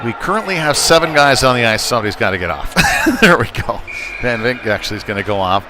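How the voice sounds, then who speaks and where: Fast and very animated, a man with a mid-range voice commentates live hockey from an indoor ice rink. He sounds conversational, as if thinking aloud while following the action, and the rink noise comes through clearly in the broadcast.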